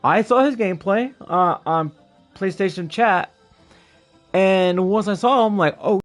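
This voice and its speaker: Over game music, a male streamer with a high-pitched, unhurried voice chats casually during his gameplay livestream. He rambles along, repeating his phrases as he goes.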